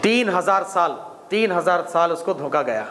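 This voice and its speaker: A man with an Indian accent teaching a Quran commentary class, slowly explaining Arabic words and repeating them. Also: high-pitched, lively intonation, a bit bright, long reverb tail, slight background noise. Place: mosque hall.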